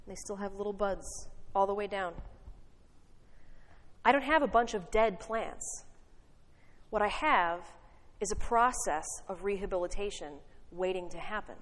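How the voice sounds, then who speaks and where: A woman pastor giving a sermon, telling a story in an animated, wry way. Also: medium pitch, in a large hall.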